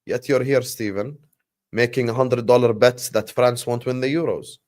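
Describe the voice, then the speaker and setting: He's a native Arabic speaker from Jordan, hosting a livestream watchalong with an Arabic accent. His pitch is medium and his speed normal as he chats in a casual, animated way and gives shout-outs to the people watching.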